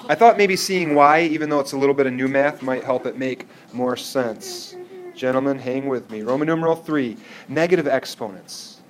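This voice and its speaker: A man's voice: medium pitch, moderate pace, a little hiss or hum. A man teaching an algebra class in a classroom, explaining step by step and often checking whether students follow. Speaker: math teacher. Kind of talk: classroom lecture.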